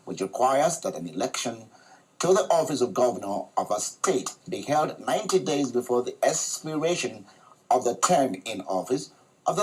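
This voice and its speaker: A man hosting a studio talk show, reading a news report in a measured, formal way. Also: mid-range voice, slightly rough, low-quality recording.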